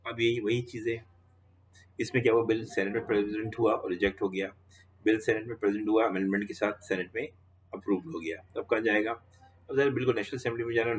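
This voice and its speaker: A man's voice: fairly low pitch, husky. A man giving a law lecture, walking students through each step and repeating questions back to the class.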